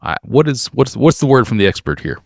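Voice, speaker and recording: A man's voice: mid-range voice, big pitch swings, fairly quick, gravelly, no echo, clean studio sound. A man hosting a podcast, asking questions in a playful, joking manner. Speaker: podcast host. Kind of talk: podcast interview.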